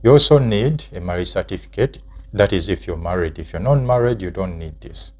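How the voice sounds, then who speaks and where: A man's voice: deep voice, animated, brisk, darkish tone. A man from Uganda with a Ugandan English accent, co-hosting and plainly explaining steps, with fillers and short affirmations. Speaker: channel co-host. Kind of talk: explanatory casual chat.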